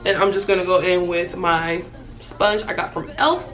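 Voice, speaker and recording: A woman's voice: lowish voice, fairly even intonation, moderate pace, a bit bright. A young woman giving a casual, chatty makeup tutorial in a playful, self-deprecating way. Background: music.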